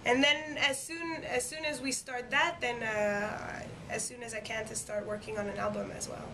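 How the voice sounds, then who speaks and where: With noticeable background noise behind her, a young French-speaking woman from Montreal, Quebec, who won a singing competition, answers interview questions eagerly, using lots of fillers and restarts. Her voice sits on the high side, with fairly even intonation at a moderate pace.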